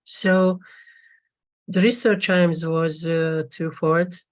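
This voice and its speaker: A Hungarian woman, a PhD student whose first language is Hungarian, presents her research at a conference. Her lowish voice stays fairly even in intonation, and she speaks formally and haltingly with frequent pauses. The recording sounds dull and lo-fi.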